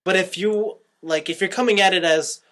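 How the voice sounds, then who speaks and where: A podcast co-host with a high, somewhat bright voice chats about anime at a normal pace. He sounds like an enthusiastic fan with strong opinions, keeping things casual.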